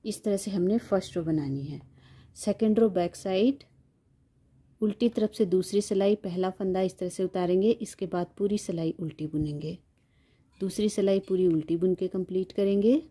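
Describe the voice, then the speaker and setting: A woman's voice: mid-range voice, moderate pace, warm tone, breathy edge. A woman giving a step-by-step knitting tutorial, patiently counting stitches aloud and repeating each instruction.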